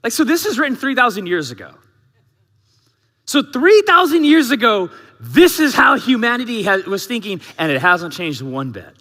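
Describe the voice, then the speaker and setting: At a normal pace, a male pastor with a bright, high-pitched voice preaches a sermon, the large church hall adding long reverb to each phrase. His delivery is lively and conversational, full of rhetorical questions aimed at the congregation.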